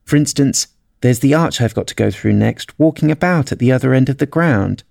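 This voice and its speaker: A man's voice: medium pitch, animated, moderate pace, gravelly, darkish tone, no room sound, studio quality, pitched above the performer's own voice. A man reading aloud voices a polite, anxious young girl with a prim, complaining way of talking. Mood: fretful.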